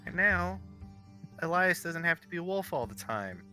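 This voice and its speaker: A man's voice: fairly high pitch, very animated, moderate pace, bright, forceful tone, soft background music. A man playing in a tabletop game, upbeat and chatty. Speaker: player. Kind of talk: casual chat at a game table.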